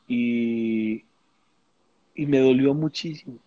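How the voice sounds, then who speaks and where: A man's voice: medium pitch, takes it slowly, dark tone, no room sound, lo-fi sound. A man gives a personal testimony in a live interview. He talks reflectively, searching for words and often restarting. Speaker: interview guest.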